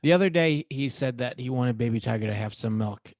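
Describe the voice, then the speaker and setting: A man's voice: medium pitch, a little fast, darkish tone, dry recording. Guy in his 30s on a home podcast, laid back, jokey, swears a lot, dry close mic. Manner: loose, joking, swearing, puts on silly voices. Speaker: podcast co-host. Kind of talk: casual chat.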